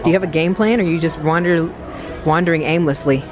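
A woman's voice: deep voice, steady tone, fast. A young American woman chatting casually for a vlog as she walks through a shopping mall. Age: young adult. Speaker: vlogger. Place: busy indoor shopping mall and clothing stores. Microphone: handheld camera at arm's length. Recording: loud mall crowd and music behind. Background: music and shopping mall crowd bustle.

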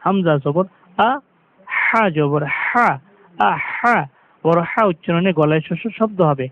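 A man teaching Quran recitation, explaining pronunciation rules step by step and slowly chanting the verses. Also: a little high, dry recording. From Bangladesh. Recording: tinny lo-fi phone-like sound.

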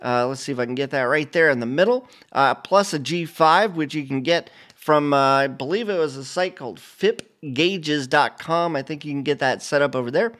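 A middle-aged man hosting a casual flight simulator video, talking over a screen share in a relaxed, rambling way full of fillers and restarts. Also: fairly high pitch, moderate pace, hardly any pauses. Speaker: flight sim channel host. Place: home studio, indoors.

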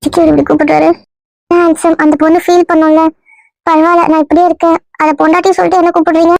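Man putting on a coy high young woman. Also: little pitch movement, fast, creaky, no echo. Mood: pleading. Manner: coy, teasing, feigning innocence. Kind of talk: comedy skit role-play.

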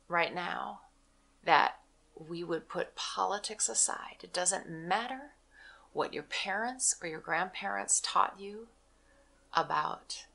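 Slow, bright-voiced fervent woman preacher. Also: fairly low pitch, vocal fry. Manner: fervent, drops to a hushed near-whisper for emphasis. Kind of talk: scripture reading and impassioned preaching and prayer.

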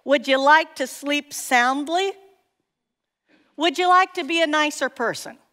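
A woman's voice: high voice, measured pace, sharp tone. A woman gives an earnest, emphatic teaching talk to an audience at a conference workshop, with playful asides. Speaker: workshop speaker. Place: large hall before an audience. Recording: long hall reverb.

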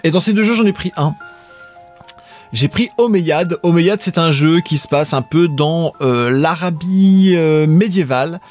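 A man hosts a live stream in an easygoing, rambling way, talking straight to his viewers. His voice sits a little high for a man. Faint music plays quietly behind him. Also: measured pace. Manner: laid-back, rambling, chatting with viewers. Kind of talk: casual live-stream chat.

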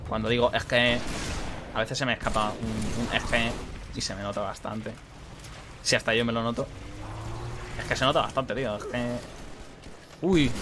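A man's voice: mid-range voice, noisy background. Joking Madrid man streaming a game. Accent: Madrid Spanish. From Spain. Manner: rambling, self-mocking, jokey asides. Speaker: gaming streamer. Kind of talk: casual live-stream commentary.

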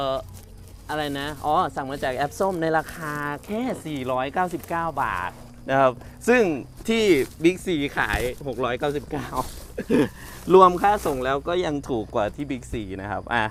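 A man's voice: a little high, a little hiss or hum. A man doing a casual unboxing review, chatting in a loose, rambling way and laughing often. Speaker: product reviewer.

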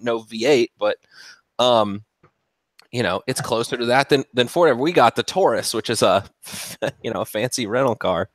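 A man's voice: mid-range voice, normal speed, no room sound. A man, a mechanic, talking cars in a casual chat and laughing often. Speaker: mechanic, guest.

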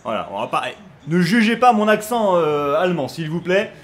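Young guy commentating his football game, fairly high voice, chatty, lots of uhs, gets shouty on goals. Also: very animated, normal speed, a little hiss or hum. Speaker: gaming YouTuber. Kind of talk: casual gameplay commentary.

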